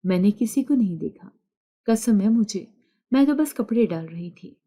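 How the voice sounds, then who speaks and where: Lady doing a shy teary young wife, quiet shaky voice, mellow. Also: medium pitch, lively intonation, husky. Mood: pleading. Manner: quiet, trembling. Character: timid young wife, tearful and innocent.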